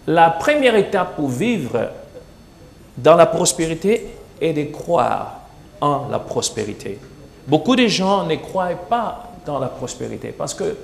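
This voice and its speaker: A man's voice: a little high, gravelly, reverberant, a little hiss or hum. A man preaching a sermon on a morning TV show, rising to emphatic peaks. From United States. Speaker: pastor.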